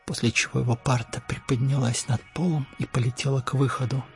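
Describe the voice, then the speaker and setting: A man reading a humorous story aloud in an even, matter-of-fact way. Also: mid-range voice, brisk, gravelly, soft background music.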